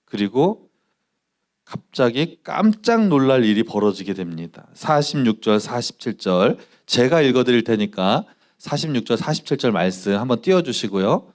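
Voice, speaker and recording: A man's voice: mid-range voice, moderate pace. A man preaching a sermon to students in a church, telling a story and quizzing the listeners. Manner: lively storytelling, quizzing the audience. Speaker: pastor. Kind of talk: youth sermon. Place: church sanctuary.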